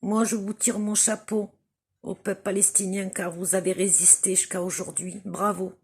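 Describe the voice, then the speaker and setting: A woman from Algeria making an impassioned spoken appeal to her viewers. She speaks slowly and emphatically, repeating phrases for stress. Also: medium pitch, fairly even intonation, gravelly, husky. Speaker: vlogger addressing viewers.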